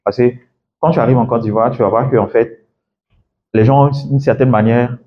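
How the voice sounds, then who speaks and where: A man's voice: mid-range voice, fairly even intonation, moderate pace, dull audio. A man working as an English coach gives a classroom lecture, explaining step by step and often checking in with "d'accord?".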